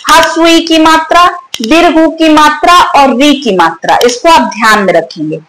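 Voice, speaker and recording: A woman teaching a Hindi grammar lesson, repeating example words slowly to show where the stress falls and asking the students questions. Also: high-pitched, a bit bright. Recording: echoey room with faint ambient noise.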